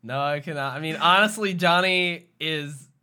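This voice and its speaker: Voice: mid-range voice, moderate pace, sharp tone, clear, resonant tone. A podcast host in casual chat who swears freely and laughs through the lines. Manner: mimics people in quoted voices.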